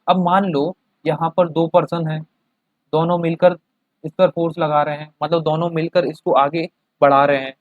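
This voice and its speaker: Male tutor, higher voice, patient classroom explainer, dry muffled recording. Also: dry recording. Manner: explains with everyday examples and keeps checking understanding. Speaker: teacher. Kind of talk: classroom chemistry lecture.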